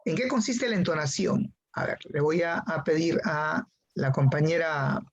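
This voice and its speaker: A man's voice: a little high, expressive, a little slow, lo-fi sound. A man teaching a class, who repeats key phrases and calls on students by name. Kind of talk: online class lecture.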